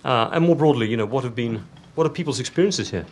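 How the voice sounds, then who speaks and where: A man's voice: mid-range voice, lively intonation, fast talker, slight background noise. A man chairing a panel discussion, thinking aloud with fillers and inviting questions from the floor. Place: conference room.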